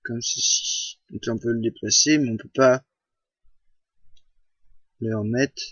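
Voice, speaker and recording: A man walks through a software tutorial at a slow, unhurried pace. He hesitates often and corrects himself mid-sentence. The recording is dry and a little dull, made at a home computer. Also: mid-range voice, fairly even intonation, no room sound. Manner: slow, hesitant, many fillers and self-corrections.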